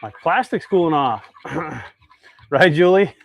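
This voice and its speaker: An American man hosts a casual livestream about making fishing lures, chatting with viewers in a folksy, easygoing way and thinking aloud as he works. His voice is on the high side, animated, slow-paced, and marked by vocal fry.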